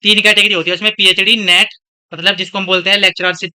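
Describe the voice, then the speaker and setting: Bright-voiced young male classroom teacher. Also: high-pitched, level tone, quick pace, smooth. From India. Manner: scolding, chatty, switches between lecture and anecdotes. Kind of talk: classroom lecture.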